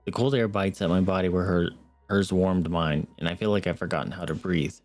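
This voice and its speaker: Reading a story game aloud on stream, this young man is earnest but slips in wry commentary. His low voice is steady and a little mellow, moving a little fast, in an echo-free recording with soft background music.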